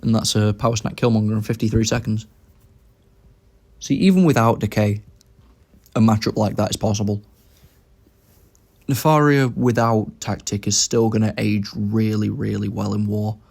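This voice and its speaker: A man's voice: on the low side, steady tone, moderate pace, vocal fry, pauses often, darkish tone. A young man giving casual commentary over his own game, thinking aloud about each move as he plays.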